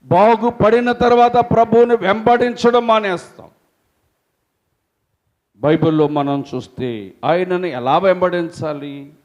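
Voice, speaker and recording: Slow, high-voiced preaching pastor. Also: male voice, a little mellow, dull audio. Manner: slow, emphatic preaching, trailing off to a low voice at line ends; addresses listeners as children of God. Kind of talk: sermon.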